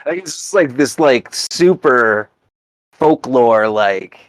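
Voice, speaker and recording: Male co-host, medium pitch, dry close sound; eager, quick to jump in. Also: expressive, dry recording. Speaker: podcast co-host. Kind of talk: casual chat.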